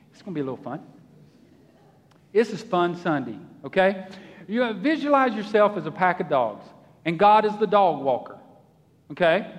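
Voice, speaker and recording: Male pastor, high voice, folksy animated sermon, long church reverb.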